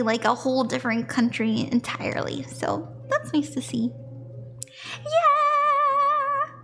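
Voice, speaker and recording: Giving palm readings live, this young Southern woman keeps up a bubbly chat with her viewers and laughs readily. She speaks in a very high, pushed, bright voice.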